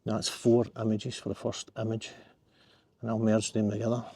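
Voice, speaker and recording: A man's voice: fairly low pitch, completely flat delivery, moderate pace, creaky, warm tone, breathy edge, no room sound. A middle-aged Scottish man, a landscape photographer, chatting to himself in a casual vlog while hiking through riverside woods outdoors.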